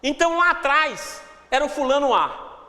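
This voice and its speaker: A Brazilian-accented man with a very high voice gives a spiritual lecture. He speaks with wide, lively swings of pitch and leans on repetition for emphasis. His voice carries a long reverb, as if in a large hall. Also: normal speed. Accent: Brazilian Portuguese. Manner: animated, acts out inner voices, repetitive emphasis.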